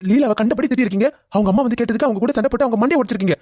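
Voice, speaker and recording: A woman's voice: fairly high pitch, dark tone, slightly rough, no room sound. A woman voicing an angry young son who confronts his mother in a cartoon family drama. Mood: accusing. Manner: demanding, rapid questioning.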